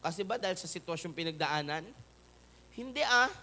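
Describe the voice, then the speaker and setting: Bright-voiced Filipino pastor preaching. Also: male voice, lively intonation, fairly quick, slight background noise. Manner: switches between loud emphatic peaks and soft low pleas. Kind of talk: sermon.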